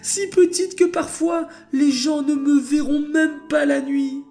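A man voicing a small, gentle female moon in a children's story, talking in a high, childlike way. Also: steady tone, takes it slowly, gravelly, soft background music, heavily acted. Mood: plaintive.

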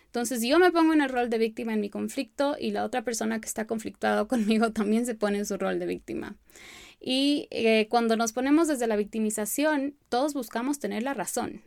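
Girl doing a solo podcast, talks super fast n trips on words, little laughs, kinda high voice. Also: gravelly, a little mellow, no echo, clean studio sound. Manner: fast-talking, sometimes trips over words; light laughs between phrases. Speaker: podcast host.

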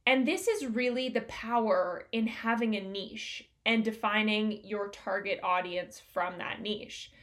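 A woman's voice: mid-range voice, a little slow, few pauses, fairly bright tone. A woman hosting a solo business-coaching podcast, talking in an upbeat, conversational way with plenty of fillers.

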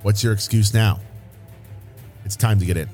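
A man hosting a podcast, delivering an emphatic, hyped-up sales pitch in the manner of a coach. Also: normal speed, darkish tone, soft background music. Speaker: podcast host. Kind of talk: promotional podcast monologue.

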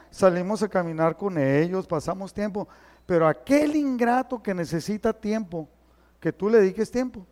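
Animated Mexican pastor, high voice. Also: male voice. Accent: Mexican Spanish. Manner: animated storyteller, acts out quoted dialogue. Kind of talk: sermon. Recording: long hall reverb.

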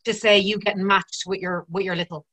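A woman's voice: medium pitch, level tone, brisk, bright, forceful tone. A woman with an Irish accent presenting and interviewing on a podcast in a conversational style.

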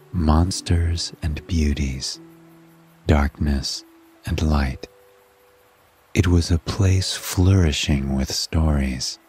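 An extremely deep-voiced man works as a sleep story narrator, guiding listeners with a calm, hushed delivery. He speaks at a very slow, lingering pace, soothing throughout. Music plays behind his voice.

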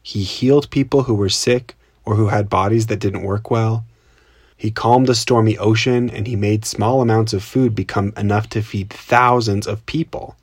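Male kids' podcast co-host, fairly low voice, simple explanatory storytelling, dry makeshift home recording. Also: steady tone, moderate pace, husky, no room sound. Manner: simple child-directed explaining. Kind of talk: scripted children's storytelling podcast. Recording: makeshift home recording without usual mic.

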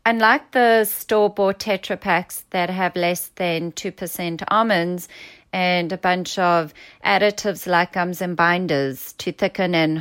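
South African woman with a smooth voice. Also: lowish voice. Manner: fluent, steady, with occasional ums. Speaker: founder being interviewed. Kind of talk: pitching her business in an interview.

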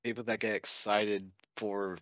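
A man's voice: on the low side, little pitch movement, unhurried, creaky, a bit bright, no room sound, lo-fi sound. A man co-hosting a casual chat, playful and joking with his friends. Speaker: channel co-host.

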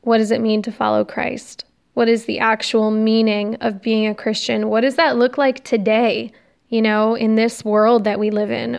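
A young American woman with a fairly high, very clear voice and a slight lisp from wearing braces. She hosts a podcast alone, rambling in a casual, confessional and self-deprecating way. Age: young adult. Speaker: podcast host. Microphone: recording on a phone.

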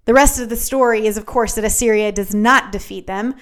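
A woman hosts a faith-based teaching podcast. Her voice sits a little high, and she speaks with earnest emphasis. She often repeats phrases to drive her point home. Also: fairly quick. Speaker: podcast host.

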